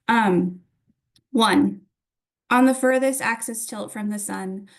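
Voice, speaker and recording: A woman from Atlanta reading her own poetry at a literary reading, with informal introductions to each piece. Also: mid-range voice. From Atlanta, United States. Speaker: poet reading own work.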